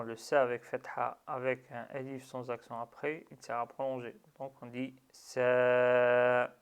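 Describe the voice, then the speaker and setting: Calm guy teaching letters slowly, clear smooth voice, stretches out each sound. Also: medium pitch. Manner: calm, patient, drills syllables with long drawn-out sounds. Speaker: Arabic reading teacher. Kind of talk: slow step-by-step lesson.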